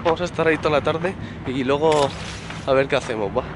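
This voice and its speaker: A man's voice: a little high, fairly even intonation, fast. A young man from Spain with a Spanish accent chats casually and slangily to a handheld camera. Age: young adult. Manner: informal, slangy. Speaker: vlogger. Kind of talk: casual vlog chat. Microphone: camera at arm's length. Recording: noisy handheld camera with ambient sound.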